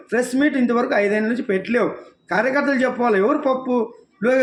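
A man delivers a heated political rant, and his voice sits very high. He talks extremely fast and keeps scolding his target with rhetorical questions. The recording has a roomy echo. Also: fairly bright tone. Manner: scolding, rhetorical questions, addresses listener as nuvvu. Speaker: devotional channel speaker.

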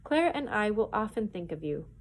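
A woman reading the lines of a kindly but stern wealthy older gentleman in a children's storybook. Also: high voice, sing-song, brisk, slight background noise.

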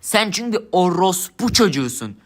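A man's voice: high-pitched, big pitch swings, moderate pace. A young man giving angry gameplay commentary, swearing and ranting at his teammates in frustration. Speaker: gamer streamer.

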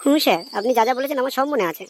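A woman voicing a forgetful, eager-to-please male police officer in a comedy cartoon, with quick, deferential replies. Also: high voice, heavy background noise, lightly acted. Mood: obliging. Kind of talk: cartoon voice acting.

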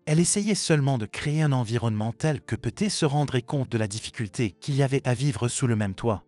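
A man narrating a scripted story in an even, steady reading voice at a middle pitch. The sound is dry and close. Faint music plays beneath the narration. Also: a little fast, no room sound.

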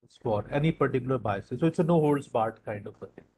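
A man's voice: mid-range voice, quick pace, warm tone, a little hiss or hum, low-quality recording. A man moderating an interview, asking long, wordy questions with fillers.

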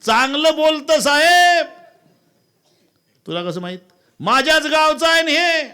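A man acting out a grieving, indignant village mother who shouts and talks in a sing-song. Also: high voice, sing-song, normal speed, pitched above the performer's own voice, heavily acted. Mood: shrill.

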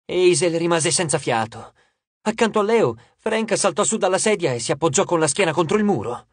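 Male audiobook narrator: slightly high, expressive, bone-dry studio sound. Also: brisk, breathy edge, no echo. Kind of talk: scripted narration.

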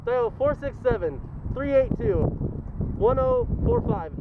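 A man's voice: very high voice, huge pitch swings, a little slow, creaky, full character voice. A young man playing a breezy, unbothered zoo tour guide, presenting an amateur mock commercial outdoors. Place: outdoors at a park, camera a few meters away. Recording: tinny, very noisy outdoor camera audio.

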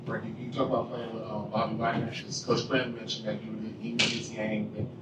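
A man reporter asks his question in a low, utterly flat voice. He sounds far from the mic, echoey, with loud background noise. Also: a little fast. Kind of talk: press conference question.

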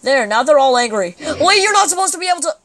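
A woman giving let's play commentary as she plays, excitable and breaking into sudden exclamations. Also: high-pitched, fast talker. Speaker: gamer.

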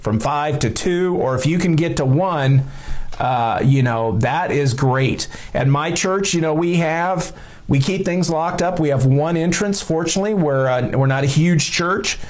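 A man's voice: a little high, measured pace. Plain-spoken middle-aged man giving advice. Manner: relaxed and plain-spoken, leans on "you know" fillers. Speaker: church security advisor. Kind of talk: conversational advice to camera. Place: small indoor room, lamp-lit.

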